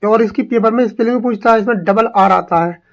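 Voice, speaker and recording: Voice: medium pitch, brisk. Exam-prep English teacher; repeats every term and poses rhetorical questions. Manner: drills each word by repeating it, asks rhetorical questions.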